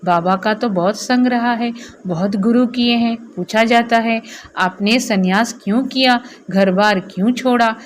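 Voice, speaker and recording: Slow, high-voiced woman spiritual teacher. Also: slight background noise. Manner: repeats each passage, then explains it. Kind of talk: reading and explaining a spiritual discourse.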